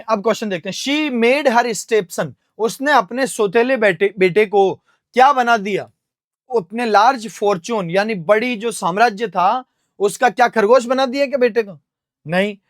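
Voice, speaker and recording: Here a young man with an Indian accent and a high-sitting voice runs an English vocabulary lesson, breaking down each answer in steps. He asks his own questions, answers them, and slowly spells words letter by letter, all captured in clean studio sound without echo.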